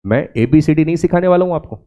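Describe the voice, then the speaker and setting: A man from India teaching a spoken English demo lecture in a classroom, asking the class questions and repeating words slowly to show pronunciation. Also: fairly high pitch, expressive, mellow, lo-fi sound.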